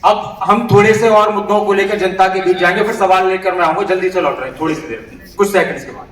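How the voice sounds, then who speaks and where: A man's voice: sits high, fast, a bit bright, distant mic. A man moderating a political debate, cutting in with probing questions. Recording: echoey hall, off-mic, crowd behind.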